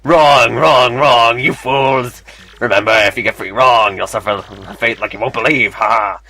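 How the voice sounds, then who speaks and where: A man's voice: mid-range voice, a little slow, bright, forceful tone, soft background music. Man doing a gloating stone quiz master. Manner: gloating, theatrical. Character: boastful stone quiz master, male, pirate-like. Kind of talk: game dialogue read aloud.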